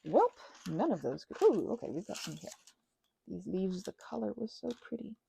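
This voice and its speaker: With a mid-range, mellow voice that swings widely in pitch and shows vocal fry, a young woman chats at normal speed while crafting, with a slight hiss or hum in the audio. She hosts a craft and ASMR channel, and her casual talk is scattered and self-interrupting, gushing and self-deprecating as she veers onto tangents.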